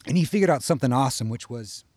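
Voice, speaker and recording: A man from Iowa tells a long personal story in a loose, rambling way. He swears freely and keeps checking in with "you know?", at an average pitch in a dry, close-sounding recording. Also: animated, very fast, darkish tone, no room sound. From Iowa, USA. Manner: rambling, profane, tags lines with "you know?".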